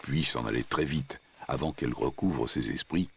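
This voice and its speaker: Very deep, gravelly man narrating a nature documentary. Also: normal speed, slight background noise.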